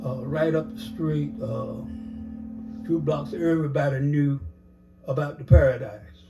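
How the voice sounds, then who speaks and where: A man's voice: fairly high pitch, measured pace, music in the background, poor audio. An older man telling his life story in a casual interview, rambling with many "you know"s and acting out the dialogue he recalls.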